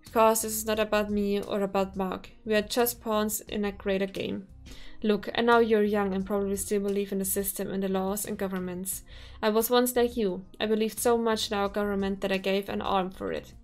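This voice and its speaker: A woman voicing a weary male army veteran while reading a visual novel aloud, quiet and measured with a note of sadness. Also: mid-range voice, little pitch movement, soft background music, close to an everyday voice.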